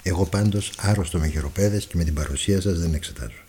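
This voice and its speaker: A man voicing a kindly, fatherly male doctor who speaks in a soft, reassuring way. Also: low voice, a little hiss or hum, lightly acted. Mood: firm.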